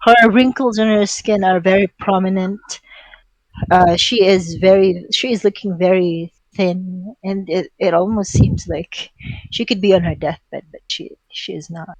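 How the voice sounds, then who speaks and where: A woman narrates a tabletop role-playing game as its game master, describing scenes hesitantly and restarting her sentences. Her pitch is middling and her recording is dry and close. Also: steady tone, measured pace, a little mellow, dry recording, low-quality recording.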